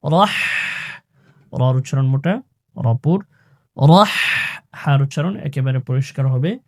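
A man teaching Quran pronunciation, chanting phrases slowly and then explaining in a quick, lower voice. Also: a little mellow. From Bangladesh. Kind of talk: slow drawn-out recitation drills with quick spoken instructions.

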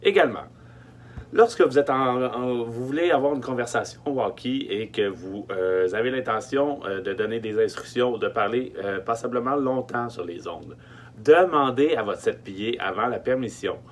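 A film production logistics technician from Quebec, in his thirties, speaks through a face mask while giving tips in a small wooden-lined truck interior. His voice is mid-range, his Quebec French accent clear, and his informal instructions come emphatically, with key words repeated and hesitant pauses. The recording has faint hum and background noise.

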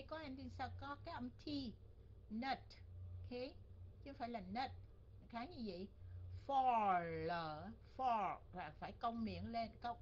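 A woman's voice: on the high side, dull audio, slight background noise. A Vietnamese-speaking woman teaching English online, who coaches pronunciation by repeating words over and over.

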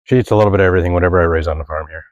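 Deep-voiced man, matter-of-fact. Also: fairly even intonation, rapid-fire, no room sound, lo-fi sound. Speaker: animal keeper and farmer. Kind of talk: casual explanation. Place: outdoors on a farm.

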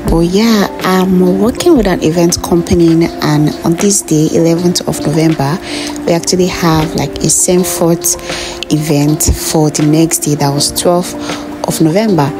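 A Nigerian woman in her twenties chatting through a casual vlog voice-over, confiding and full of little fillers. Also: fairly low pitch. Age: 20s. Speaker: vlogger. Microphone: phone or recorder voice-over. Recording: voice-over with loud music behind.

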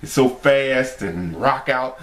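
A man, reacting casually and with amusement to a song in a laid-back, drawn-out way. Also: medium pitch, lively intonation. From United States. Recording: echoey, with loud music behind.

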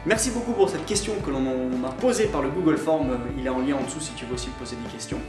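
A man's voice: medium pitch, music in the background. Scottish man teaching in echoey room. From Scotland. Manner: explanatory, stresses example words slowly. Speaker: online English teacher. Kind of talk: French-language English grammar lesson. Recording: echoey room, somewhat far from mic.

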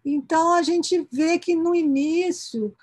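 A woman giving an academic conference presentation over a video call, peppering her sentences with little tag questions and restarting phrases as she rushes to finish in time. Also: extremely high pitch, steady tone, darkish tone, dry recording. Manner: sprinkles "né" fillers and restarts mid-phrase; hurried toward the end of her time.

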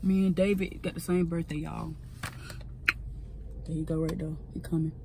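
Low-pitched and dark-toned, with vocal fry and a flat delivery at normal speed, a woman in her thirties talks to her phone camera at close arm's length in a car and a hotel bathroom. The casual vlog chat is blunt, profane and repetitive. The recording is reverberant and low quality, with a little hiss or hum.

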